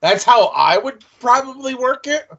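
A man's voice: very high voice, animated, unhurried, vocal fry, a bit bright, husky. A man co-hosting a podcast, chatting casually and jokingly about a sitcom episode. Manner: jokey, slips into playful mock voices. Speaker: podcast co-host. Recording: slightly dull lo-fi sound.

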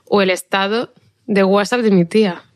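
A woman with a faint Cartagena lilt speaks in a middle-pitched voice as a podcast co-host. She drops dry, witty quips into the conversation. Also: normal speed. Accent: slight Cartagena lilt. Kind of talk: casual podcast chat.

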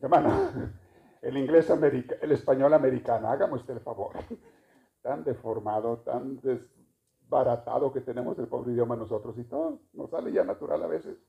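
A man's voice: medium pitch, lively intonation, moderate pace, gravelly. A man giving a homily at Mass, chatty and joking, asking the congregation questions. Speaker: priest. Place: church. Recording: dull lo-fi recording.

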